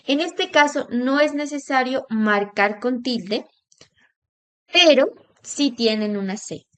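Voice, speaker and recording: Slow, deliberate woman teacher. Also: high-pitched. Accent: Latin American Spanish. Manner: slow, drawn-out stressing of example words. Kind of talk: recorded classroom lesson.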